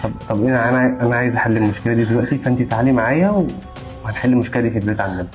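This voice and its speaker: A man's voice: medium pitch, very fast, faint music behind, natural voice. A man playing a young husband home from abroad, speaking urgently and reassuringly. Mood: concerned. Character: young husband back from abroad, protective son.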